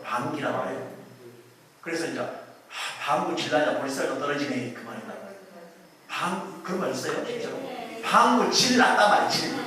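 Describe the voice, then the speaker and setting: A man's voice: sits high, fairly bright tone. A man giving a chatty public lecture, joking and quizzing his audience. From Korea. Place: lecture hall. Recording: very echoey hall, voice from far off.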